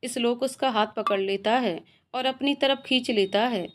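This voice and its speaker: A woman's voice: a little high, moderate pace. A woman reading an emotional romantic story aloud, narrating and voicing every character herself.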